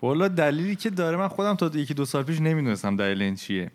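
A man from Isfahan with a light Isfahani Persian accent, telling a personal story in a casual chat, reflective and a little hesitant. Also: fairly high pitch. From Isfahan, Iran. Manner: reflective, hesitant, laughs at himself.

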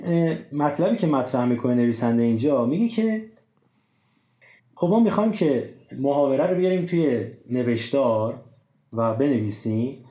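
A man's voice: fairly high pitch, mellow. A man hosting a casual discussion, explaining with many examples and hesitant fillers. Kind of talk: casual discussion of Persian writing rules. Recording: roomy, dull lo-fi sound.

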